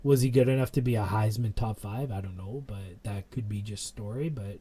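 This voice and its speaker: A man's voice: fairly low pitch, moderate pace, warm tone, husky. A young man co-hosting a podcast, rambling through a casual wrestling recap with lots of fillers. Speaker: podcast co-host.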